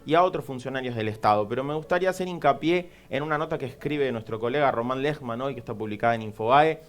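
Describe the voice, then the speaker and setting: A man hosting a news program, giving measured, reflective commentary with occasional restarts. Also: mid-range voice. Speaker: program host.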